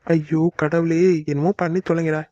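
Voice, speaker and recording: A man's voice: on the high side, level tone, moderate pace, darkish tone, no echo, muffled recording, lightly acted. A man voicing a young man in a cartoon who worries a lot and grumbles at his friend in exasperated banter. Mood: grumbling, fretful. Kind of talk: cartoon voice acting.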